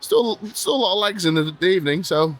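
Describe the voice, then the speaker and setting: A man's voice: high voice, expressive, quick pace. A tired man hosting a casual travel vlog, chatty, jokey and rambling. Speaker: vlog host.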